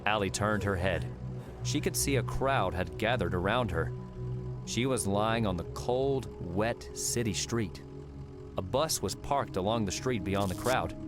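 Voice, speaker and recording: Music runs under this audiobook narrator, a man whose lowish voice moves at a slightly slow pace. He delivers scripted narration with dramatic storytelling flair.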